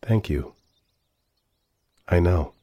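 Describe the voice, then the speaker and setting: In a sci-fi audio drama, a male actor with a low voice and dark tone voices a humanlike AI android, heavily acted. His phrases are formal, deliberate and measured, with lively intonation and a proud, wistful air. The mood is guarded and proud.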